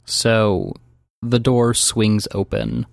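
A man narrating a tabletop role-playing game as game master, calm and descriptive with small fillers. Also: fairly low pitch, very slow, creaky, dry recording, studio quality.

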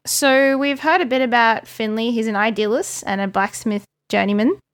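A woman's voice: fairly high pitch, steady tone, normal speed. A woman running a tabletop game as game master, encouraging the players with questions.

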